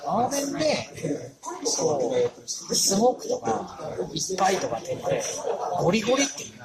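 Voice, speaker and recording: A man with a Tohoku Japanese accent talks casually and laughs easily, often restarting his sentences. His voice is a little high and very lively. Loud crowd noise fills the background. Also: moderate pace, creaky. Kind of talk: casual chat.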